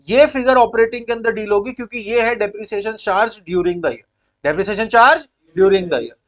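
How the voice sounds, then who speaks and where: A man with an Indian accent teaching accounting in a lecture style, quizzing his pupils and repeating key points in mixed Hindi and English. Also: extremely high pitch.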